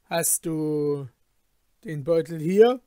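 A commanding caliph passing judgment in a storybook, measured and authoritative, slow and deliberate, as a male reader plays him. A dry, close recording with no room. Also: fairly high pitch, dark tone, dry recording. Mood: stern.

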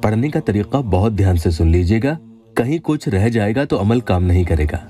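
A man giving scripted voice-over narration of religious instruction, calm and measured, reciting Arabic verses slowly. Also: on the low side, soft background music. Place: voice-over studio.

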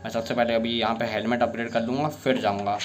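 A young man with a sore throat giving excitable live commentary while playing a fighting game, often bursting into exasperated complaints. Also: mid-range voice, quick pace, noisy background. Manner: excitable, frequent exasperated outbursts. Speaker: gameplay streamer.

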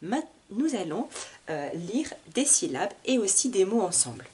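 A woman teaching French reading, saying the syllables slowly and clearly for learners to repeat. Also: mid-range voice, big pitch swings, a little mellow, slight background noise. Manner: slow, clearly spoken syllables with long pauses. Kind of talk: slow reading lesson for learners.

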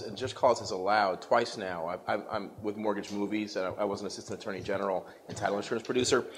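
A man who talks quickly and presses his questions again and again, never letting a point drop. He sounds like he is recording in a government office lobby, with a faint hum of noise underneath. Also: fairly low pitch. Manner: insistent, presses questions repeatedly. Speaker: activist filmmaker. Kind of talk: confrontational questioning on camera.

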